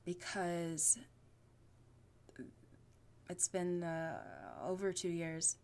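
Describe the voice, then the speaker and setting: A young woman with a slightly low voice talks straight to her viewers in an unscripted vlog. She rambles, stops and restarts with fillers, and laughs at herself as she goes. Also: flat delivery, very slow, a little mellow. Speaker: YouTuber.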